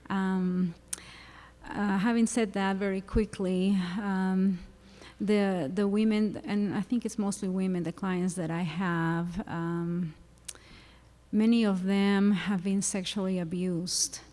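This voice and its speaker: A woman's voice: medium pitch, little pitch movement, warm tone. Peruvian-accented woman in a reverberant hall. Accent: Peruvian Spanish. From Peru. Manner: earnest, halting, with many fillers. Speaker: psychologist panelist. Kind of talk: panel discussion talk. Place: university lecture hall.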